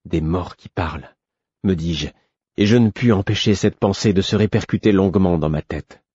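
Low, husky male audiobook narrator. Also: a little fast, mellow, no room sound, muffled recording. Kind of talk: scripted first-person narration.

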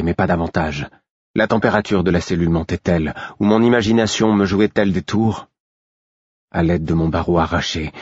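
A man narrating a first-person audiobook in a steady, measured way. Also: low-pitched, breathy edge, no room sound, muffled recording.

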